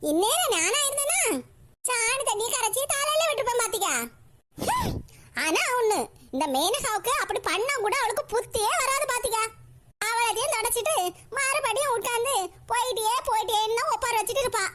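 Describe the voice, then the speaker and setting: A woman voicing a gossipy, sharp-tongued old village grandmother in a cartoon, talking in a scolding, mocking way. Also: very high voice, lively intonation, normal speed, background noise. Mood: gossiping, scolding. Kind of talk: cartoon voice acting.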